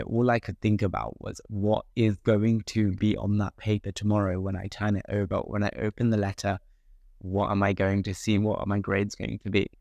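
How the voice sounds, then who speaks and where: A man's voice: lowish voice, darkish tone, no room sound, studio quality. A young adult British man giving casual advice as a vlogger, informal, emphatic and reassuring. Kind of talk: casual advice talk to camera.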